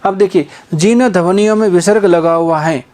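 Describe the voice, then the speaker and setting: A man's voice: sits high, a little mellow. A man is teaching a phonetics class for exam students. He keeps asking rhetorical questions and stretches out the sounds he uses as examples. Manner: repetitive rhetorical questions, drawn-out vowel examples. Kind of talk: exam-prep phonetics lesson.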